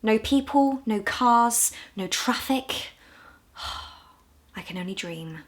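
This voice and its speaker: A woman from the UK in her twenties, talking candidly and with self-deprecating humor in a casual vlog, her voice a little hoarse. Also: a little high, expressive, slow. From United Kingdom. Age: 20s. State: hoarse, low on voice. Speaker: vlogger.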